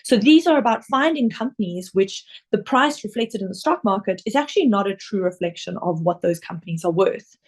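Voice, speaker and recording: A South African woman, an investment director, presents a webinar over slides in an expressive, medium-pitched voice. She explains things in a measured way, with the odd um.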